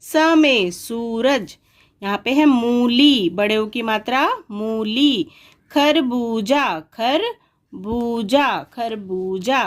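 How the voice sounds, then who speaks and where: A woman's voice: fairly high pitch, slow. A woman teaching a worksheet lesson to young children, patiently sounding out words syllable by syllable.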